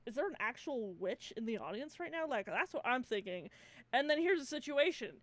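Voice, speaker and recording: Her voice runs on the high side and a little fast, captured in a dry recording. As a podcast host in casual conversation, she tells animated stories, laughs a lot, and swears without holding back.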